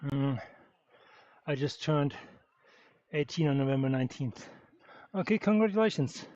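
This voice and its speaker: A German streamer whose first language is German chats with viewers while riding an indoor bike session on a livestream, easygoing and thinking aloud with many fillers. His mid-range voice is animated, a little slow and a little mellow, recorded with a dull, dry, lo-fi sound and no echo.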